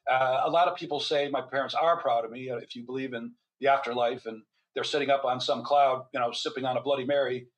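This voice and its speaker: In a casual podcast interview, an older physician and author talks fast with hardly any pauses, his mid-range voice keeping a fairly even intonation. He's a chatty storyteller with wry humor who restarts often, and the audio is poor.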